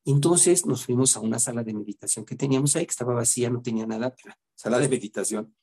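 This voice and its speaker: A middle-aged man with a warm, slightly husky voice. He speaks as a therapist telling a story, earnest and reflective, and often checks that the listener follows. His voice stays mellow throughout. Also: medium pitch, quick pace. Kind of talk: storytelling talk.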